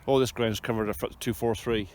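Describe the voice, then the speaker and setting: A farmer who hosts videos chats plainly into his phone outdoors on his land, talking through his work as he goes. He sounds a little fast, fairly even in intonation, and darkish in tone, with engine and vehicle rumble running under the noisy clip.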